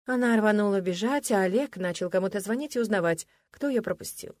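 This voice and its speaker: A woman reading a story aloud in a steady, even storytelling voice. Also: medium pitch, brisk, dry recording. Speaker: narrator. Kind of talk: audiobook reading.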